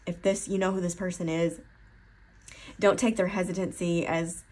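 A woman's voice: lowish voice, little pitch movement, moderate pace, a little mellow. A woman with an Appalachian accent giving a casual tarot card reading, rambling and correcting herself as she thinks aloud. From Appalachian foothills, USA. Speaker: tarot reader.

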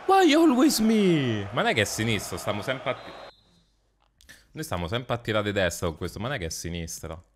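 A man's voice: on the low side, animated, a little fast, noisy background. A young man, a gaming streamer doing jokey mock football commentary over gameplay and mumbling asides.

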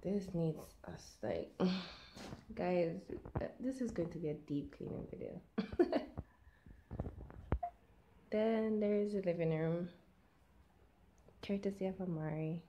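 A woman's voice: fairly low pitch, takes it slowly, long pauses, reverberant, a little hiss or hum. A young woman in her twenties chatting casually to camera while cleaning her kitchen at home. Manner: relaxed, chatty asides. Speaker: vlogger. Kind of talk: casual cleaning vlog chat. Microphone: camera set on the counter.

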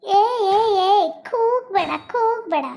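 A woman's voice: very high voice, expressive, slow, vocal fry, darkish tone, full character voice. A woman voicing a pushy, leering female cellmate who taunts in a sing-song way. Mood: taunting.

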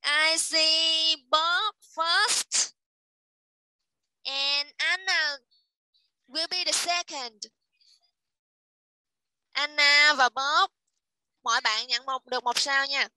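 A woman teaching an online English class to children, repeating each letter and word slowly and praising her pupils. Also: sits high, sharp tone, no room sound, poor audio. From Vietnam.

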